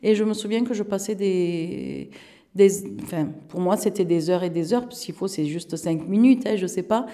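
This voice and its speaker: A Turkish-born woman in her thirties, whose first language is Turkish, casually recalls her childhood in an interview, hesitant and full of fillers and restarts. Her voice is lowish and warm, at a moderate pace.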